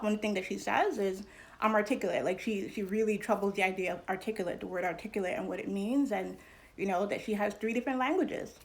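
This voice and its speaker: Talking to camera in a mid-range voice, this New York channel host, a young adult woman, delivers casual educational content. Her style is lively and conversational, sprinkled with fillers.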